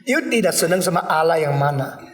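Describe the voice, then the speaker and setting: A man voicing a calm middle-aged pastor who answers an angry visitor with unhurried questions. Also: a little high, close to an everyday voice. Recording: echoey hall from a distance.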